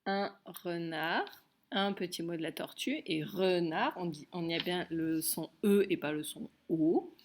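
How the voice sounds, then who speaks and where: A woman's voice: lowish voice, moderate pace, few pauses, a little mellow, a little hiss or hum. A woman teaching a dictation lesson to young pupils, patiently repeating each word and spelling out its sounds. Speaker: primary school teacher.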